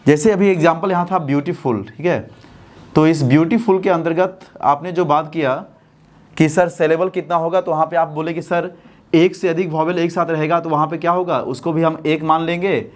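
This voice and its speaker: Higher-pitched male English teacher. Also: fairly even intonation. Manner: asks the class questions and answers them himself; slow, deliberate dictation when spelling out words. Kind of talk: classroom-style lesson explanation.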